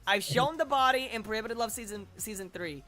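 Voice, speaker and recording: A man's voice: high voice, brisk, bright, forceful tone, faint music behind. A man with a Boston accent chatting casually with his co-hosts, blunt and emphatic, swearing freely. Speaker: roleplay series writer. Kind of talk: casual group chat on a call.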